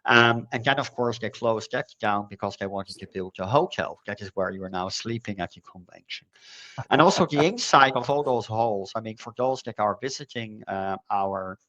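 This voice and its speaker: Middle-aged man from the Netherlands, low voice, hesitant and filler-heavy, dry dull recording. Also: normal speed, pushed and bright, no echo. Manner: hesitant, many fillers and repeated words. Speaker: conference co-organizer, guest. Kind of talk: casual conversational interview.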